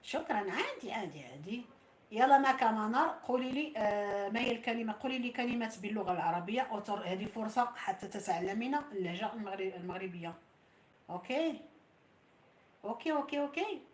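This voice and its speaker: A middle-aged Moroccan woman chatting on a live stream, warmly thanking and blessing her viewers. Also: medium pitch, lively intonation, fast, slight background noise. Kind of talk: casual live-stream chat. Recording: roomy echo.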